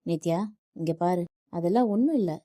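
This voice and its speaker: A soft-spoken father calms his crying daughter with patient, tender words. A woman reads him in a mellow, dry audiobook voice. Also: on the low side, moderate pace, no echo, lightly acted. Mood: gentle reassuring. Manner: calm, reassuring. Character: middle-aged man, gentle soothing father.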